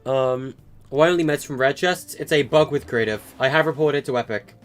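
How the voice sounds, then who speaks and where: Speaking a little fast in a mid-range voice, this eighteen-year-old guy streams a game live and rambles through casual replies to viewers, stuttering and using lots of fillers. Soft music plays behind him.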